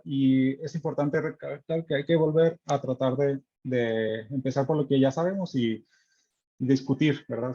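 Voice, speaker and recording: A man with a Mexican accent presents on a video call in a friendly, easygoing way, filling his pauses as he goes. His voice is mellow and warm. The line sounds muffled. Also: medium pitch. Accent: Mexican Spanish. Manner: friendly, relaxed, uses many fillers. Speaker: internist and guest speaker. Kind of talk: online medical presentation.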